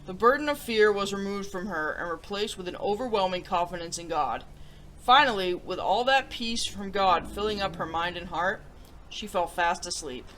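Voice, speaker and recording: On her children's story-time show, a woman reads picture books aloud and reviews them with theatrical enthusiasm. Her voice is medium-pitched, expressive and a bit bright at normal speed, captured in a low-quality recording with a little hiss or hum.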